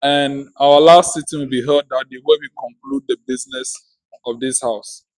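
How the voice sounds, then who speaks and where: A man's voice: medium pitch, moderate pace, dry recording, rough recording. A man making a formal, polite and orderly announcement to parliament as one of its members. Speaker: interim MP and outgoing parliament speaker.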